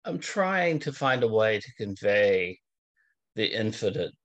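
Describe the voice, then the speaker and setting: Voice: medium pitch, very animated, a little slow, dull audio. Earnest participant in a spiritual Q&A, mid-range voice, searching for words. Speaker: satsang participant. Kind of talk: sharing a personal experience in a Q&A.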